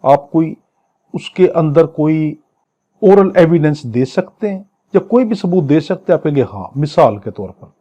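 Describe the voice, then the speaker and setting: Animated and a little high, with a dark tone, this man lectures on law in a Pakistani accent. It's an exam lecture where he breaks down legal text phrase by phrase, teaching didactically through repetition, paraphrase, and slow English readings.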